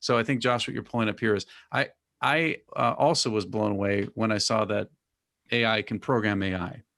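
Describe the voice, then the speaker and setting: A man's voice: fairly low pitch, steady tone, moderate pace, a bit bright. A man hosting a fireside chat, who sums up the guest's points with enthusiasm and prompts with questions. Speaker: host.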